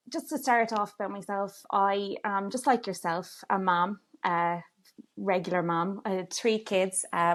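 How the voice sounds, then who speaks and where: A woman with an Irish accent telling her own story conversationally as a podcast guest, with hesitant starts. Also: medium pitch. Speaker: podcast guest, parent advocate. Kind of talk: casual personal storytelling in conversation.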